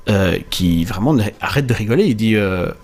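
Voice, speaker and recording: A man's voice: lowish voice, expressive, normal speed, a little mellow. A man chatting casually, recounting a show in a rambling way with many hesitations. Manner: rambling storyteller, many fillers and restarts. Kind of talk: casual chat.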